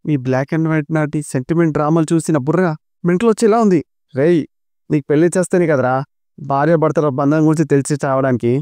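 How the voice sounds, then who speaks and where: A man's voice: fairly high pitch, fairly quick, mellow, dry recording, clean studio sound, close to an everyday voice. Man doing a cheeky teasing brother-in-law. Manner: teasing, sarcastic.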